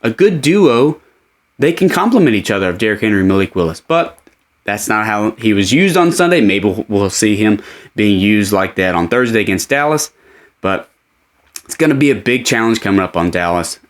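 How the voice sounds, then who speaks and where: A man's voice: lowish voice, big pitch swings, normal speed. A man giving opinionated, conversational sports commentary as a podcast host, speaking emphatically from a fan's standpoint.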